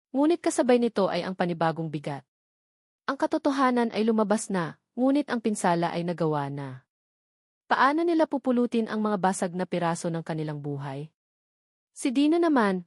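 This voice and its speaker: A woman with a Filipino accent narrates a dramatic scripted story as an audiobook. Her mid-range voice is slightly mellow, and the studio recording is clean with no echo.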